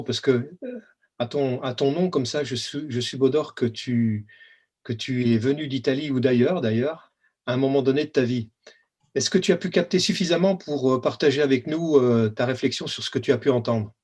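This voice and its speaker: A man's voice: medium pitch, normal speed, a little mellow, breathy edge. A man moderating a group discussion, friendly and informal, calling on people by first name.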